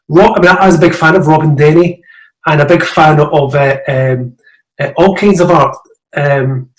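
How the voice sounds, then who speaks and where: Casually chatting, a Glaswegian-accented audience member from Scotland asks his question on a video call, stumbling through lots of fillers. The voice is fairly high pitched, and the rough recording has a roomy sound.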